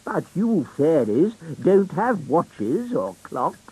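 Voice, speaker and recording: A man's voice: fairly high pitch, sing-song, takes it slowly, mellow, husky, full character voice, low-quality recording. A man voicing a pompous, stuffy old elf teacher in a children's cartoon, pedantic, with a British accent. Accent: British English. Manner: pompous, pedantic, hesitant hums.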